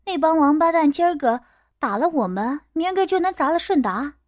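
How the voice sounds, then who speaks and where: A woman's voice: very high-pitched, expressive, normal speed, darkish tone, dry recording, clean studio sound, pitched above the performer's own voice. A woman voicing a fiery young woman who speaks up indignantly, as a character in an audiobook. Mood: angry. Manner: indignant and pleading.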